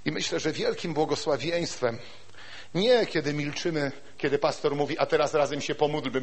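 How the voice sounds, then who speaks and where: A man preaching a sermon in an animated way, often putting rhetorical questions to the congregation. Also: mid-range voice, breathy edge.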